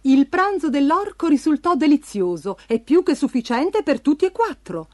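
A woman narrating a fairy tale aloud in an expressive storybook reading. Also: high-pitched, normal speed, no room sound, soft background music.

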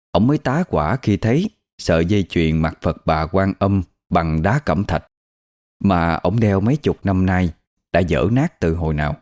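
Deep-voiced Southern Vietnamese storyteller. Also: male voice, a little mellow. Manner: vivid, colloquial storytelling. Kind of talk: ghost story narration.

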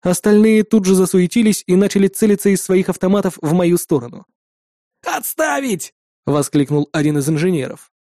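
A man narrating a first-person adventure story in an expressive manner. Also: sits high, fairly quick, no echo, studio quality.

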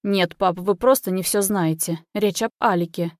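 A woman voicing an agitated young man confronting his parents in a loud, accusing manner, in a read-aloud story. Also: medium pitch, moderate pace, no room sound, studio quality, natural voice. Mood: tense. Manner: heated, accusing, often shouting.

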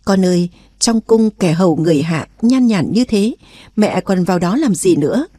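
A woman's voice: lowish voice, lively intonation, normal speed, no echo. A woman doing a plain-spoken old village mother. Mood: homely. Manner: homely, gently scolding.

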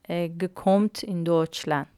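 A woman's voice: on the low side, fairly even intonation, mellow, clear, resonant tone, no echo, studio quality. A woman, in Arabic and Persian, speaking hesitantly in a radio interview, with many fillers. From Iran. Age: 50s. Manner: halting, hesitant learner's speech with many fillers. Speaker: interview guest.

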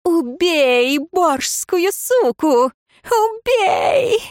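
Woman doing frantic young peasant girl, urgent drawn-out pleading, high voice, dry close sound. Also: dry recording.

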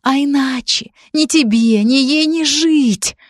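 A woman's voice: slow, dry recording, studio quality. A woman voicing a furious, unhinged jealous young woman who hisses threats, in a storybook reading. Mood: jealous, threatening. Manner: shrill, hissing threats.

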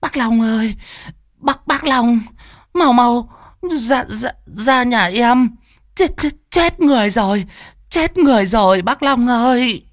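A woman's voice: on the high side, slow pace, no room sound, clean studio sound. A woman voicing a panicky village woman, out of breath and stammering. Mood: panicked. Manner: gasping, stammering repeats.

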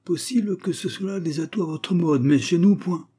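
A loud, blustering old Cossack grandfather, put on by a male storyteller, bellowing at his cards in a raised, husky voice. He swaggers and bristles with bold defiance throughout this storybook tale. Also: fairly high pitch, moderate pace, voice pushed up. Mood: indignant. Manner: shouting, blustering.

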